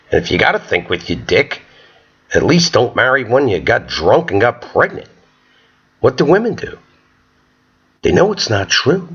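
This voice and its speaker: A man doing a profane stand-up comedy rant, jumping into shrill voices to act out characters. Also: gravelly, a bit bright, breathy edge, muffled recording. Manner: profane, ranting, acts out characters in sudden high voices.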